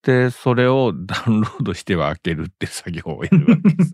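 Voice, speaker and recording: A low-pitched man hosts a relaxed studio radio talk, his voice swinging widely up and down as he rambles. He fills the gaps with little murmurs and chuckles. The sound is close and dry. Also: fairly quick, slightly rough, no room sound. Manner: rambling and chuckling, with many "mm" fillers. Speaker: radio show host. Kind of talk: casual studio chat.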